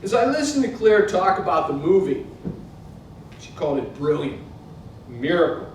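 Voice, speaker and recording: Sing-song and darkish in tone, moving at a moderate pace, a man in his sixties reads from his book to a live audience. He's an American from Pittsburgh. The setting is an indoor museum event space, and the recording has a very echoey hall sound, a distant mic, and a noisy rumble.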